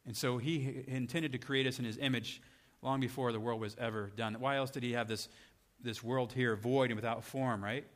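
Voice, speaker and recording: A man's voice: mid-range voice, steady tone, a little fast, hardly any pauses. A man preaching a sermon in a conversational way, often asking his listeners rhetorical questions. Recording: long hall reverb.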